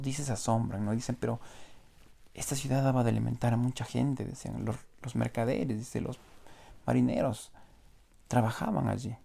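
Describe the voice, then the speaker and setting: A man teaches scripture in a sermon, walking through each verse and checking in with rhetorical questions. His voice is heavily gravelly and mellow in tone, at an ordinary male pitch. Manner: explanatory, asks rhetorical "¿no?" often. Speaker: preacher.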